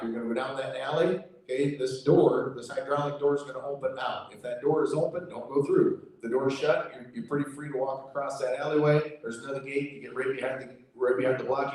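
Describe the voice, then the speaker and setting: A man's voice: medium pitch, fairly even intonation, quick pace, a little mellow. American guy doing an informal briefing, folksy and reassuring, super echoey hall, kinda far from the mic. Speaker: auctioneer contest organizer. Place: livestock sale arena. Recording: very echoey hall, distant PA sound.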